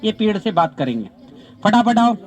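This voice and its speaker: Man, high-pitched, very lively intonation, outdoor farm demonstration, repetitive commands. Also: moderate pace. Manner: animated, repeats short commands. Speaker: natural farming trainer. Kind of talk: live outdoor demonstration with participants. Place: outdoors on farmland under trees.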